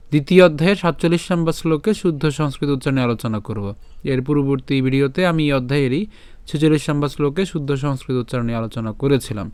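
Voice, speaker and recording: Guy teaching sanskrit verse pronunciation online, chants slow then explains, crisp clear voice, dry close sound. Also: medium pitch, a little mellow, no room sound. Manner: chants verse lines slowly, then explains step by step with questions.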